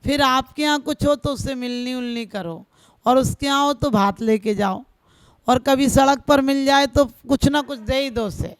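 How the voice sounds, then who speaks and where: A woman preacher, a Jain nun, giving a devotional sermon with a folksy, humorous touch. Her voice is gravelly, yet full and smooth, and it is heard dry and close. She builds her points in rhythmic, exhorting lists. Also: high voice, normal speed, dry recording. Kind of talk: devotional sermon with folk stories.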